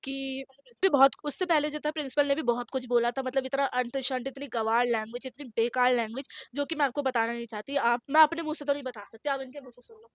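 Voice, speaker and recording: A teenage girl with a high voice tells a school story in a lively, casual way and acts out the other people's voices. The sound is dry and close, with no room echo. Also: quick pace. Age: teens. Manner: animated, acts out quoted voices.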